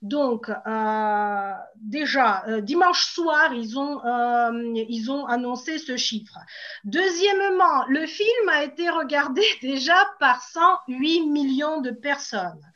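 A Russian woman from Moscow, an ordinary citizen, gives testimony in a panel discussion, explaining things spontaneously. Her voice is high with a fairly bright tone, and she talks slowly, hesitant yet emphatic, repeating key points. The recording has a dull, lo-fi sound.

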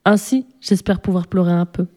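A woman's voice: on the low side, little pitch movement, normal speed, dark tone, lightly acted. A woman voicing a grateful male shark-man sea creature from a storybook, speaking in an earnest, reproachful way.

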